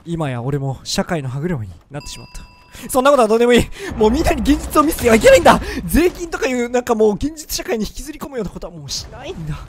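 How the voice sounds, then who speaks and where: A man's voice: very high-pitched, big pitch swings, very fast, a crowd in the background. A man in his twenties giving joking, self-mocking commentary over his gameplay. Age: 20s. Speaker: gaming video creator.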